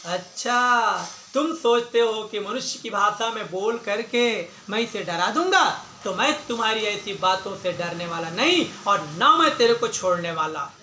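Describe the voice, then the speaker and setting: A man's voice: high voice, lively intonation, a little slow, slight background noise, exaggerated voice. A man telling a religious story, voicing an angry, threatening hunter in a raised voice. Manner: loud, threatening. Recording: echoey room.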